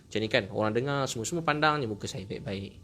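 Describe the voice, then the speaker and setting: A man's voice: mid-range voice, fast talker, a bit bright, slight background noise. A man with a Malaysian accent preaching a sermon, telling a personal story in a heartfelt, earnest way with repeated phrases.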